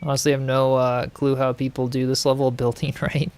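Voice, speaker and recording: Fast and flat, this medium-pitched man has a darkish yet clean tone as he streams a game live. Reacting to builds, he keeps the casual chat upbeat, with many laughs and filler words.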